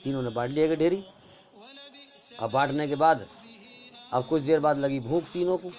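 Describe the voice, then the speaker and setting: Storytelling male preacher with slightly high voice. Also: highs cut off. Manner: animated narration, acting out characters' lines. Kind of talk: sermon storytelling.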